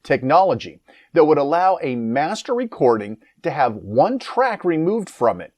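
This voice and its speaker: Lively, wry middle-aged male narrator. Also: a little high, moderate pace, dry recording. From United States. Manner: wry, storytelling. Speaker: documentary narrator. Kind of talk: scripted documentary narration.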